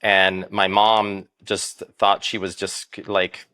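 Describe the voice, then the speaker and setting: A man's voice: low voice, flat delivery, takes it slowly, sharp tone, smooth. A man in his fifties from Miami whose first language was Spanish, telling his story as a doctor in an interview. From Miami, United States. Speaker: doctor, podcast guest.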